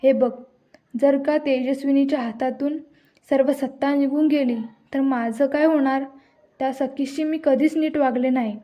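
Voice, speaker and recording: A woman's voice: sits high, dark tone. A woman voicing a selfish, anxious middle-aged woman who scolds, in her own voice.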